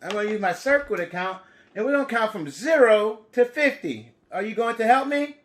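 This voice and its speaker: Brisk and animated, with a voice that sits high, an American man teaches young children on a TV lesson featuring stories and counting. The preschool and kindergarten teacher uses simple questions and repeated phrases, sounding like someone reading to a toddler.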